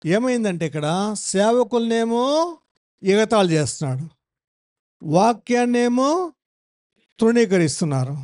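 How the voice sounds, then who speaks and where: A man's voice: sits high, a little mellow. A male pastor giving a Bible-study sermon, emphatic, repeating phrases and putting questions to the congregation.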